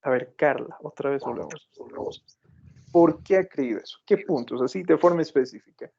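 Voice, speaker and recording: A man's voice: fairly high pitch, moderate pace, creaky, a little mellow, muffled recording. A middle-aged man teaching a medical class online, probing his students with repeated questions and telling everyday anecdotes. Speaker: medical lecturer.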